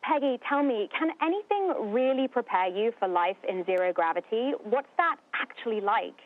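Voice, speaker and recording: A woman's voice: fairly high pitch, expressive, normal speed, dry recording. A woman hosting a live broadcast interview as a news presenter, heard through a phone-like link. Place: studio, heard over a link. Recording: narrow tinny phone-like radio link.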